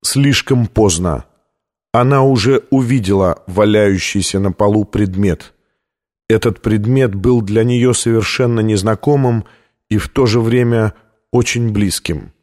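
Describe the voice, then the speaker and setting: A man narrating an audiobook in an even, measured reading style. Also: on the low side. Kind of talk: scripted narration.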